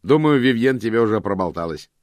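Cheerful chatty husband voiced by the narrator, somewhat awkward, dry. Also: male voice, fairly low pitch, animated, fast, darkish tone, no room sound, pitched above the performer's own voice, lightly acted. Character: cheerful middle-aged husband, a bit awkward.

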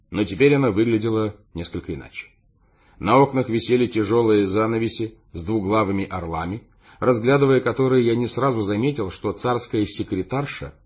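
Выразительный чтец аудиокниги с хрипотцой. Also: male voice, on the low side, husky, dull audio. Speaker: audiobook narrator. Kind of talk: first-person audiobook narration.

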